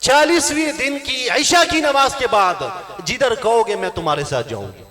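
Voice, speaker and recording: A man's voice: very high voice, animated, normal speed, sharp tone, voice pushed up, heavily acted. A man with a Pakistani Urdu accent voicing a clever young woman who sets a condition, quoted in his sermon. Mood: firm.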